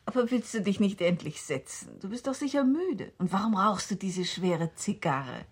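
A lonely middle-aged woman speaks softly in a 1960s radio drama. Her voice is breathy and husky and often falls to a whisper. She sounds gentle and a little uneasy. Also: mid-range voice, expressive, moderate pace. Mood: tender uneasy. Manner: soft and gentle.

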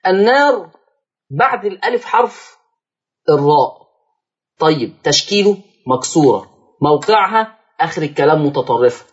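A man with an Egyptian accent teaching Quran recitation on a broadcast lesson, quizzing the listener and then answering himself, and drawing out the recited words slowly to demonstrate. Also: on the high side, sing-song, slightly rough, muffled recording. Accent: Egyptian Arabic.

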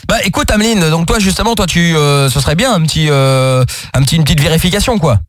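A man's voice: a little high, animated, fast talker, dry recording. A man hosting a late-night radio call-in show, teasing and joking with callers in a studio. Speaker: radio host.

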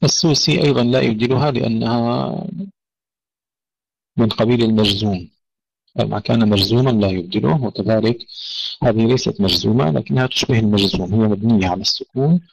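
A man teaching Quran recitation rules, correcting common mistakes and slowly demonstrating the right pronunciations. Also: fairly low pitch, gravelly, dry recording. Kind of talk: tajweed lesson. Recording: dull lo-fi dry recording.

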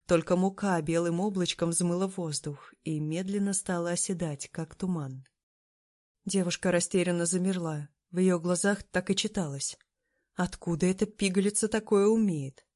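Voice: mid-range voice, darkish tone. Narrator reading a first-person novel. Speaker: audiobook narrator.

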